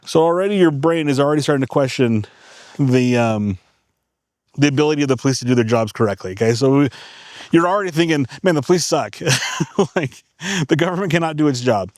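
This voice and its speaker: A man's voice: mid-range voice, a little fast, long pauses, no echo, studio quality. A man hosting a casual monologue, rambling and checking in with his listeners. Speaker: channel host.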